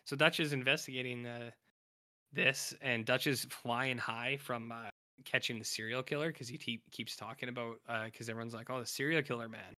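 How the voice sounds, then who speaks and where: A podcast co-host recaps a TV show in casual chat, rambling with lots of fillers and restarts, his voice raspy and hoarse from talking. He speaks at a normal speed with a medium pitch, fairly even intonation and a sharp tone.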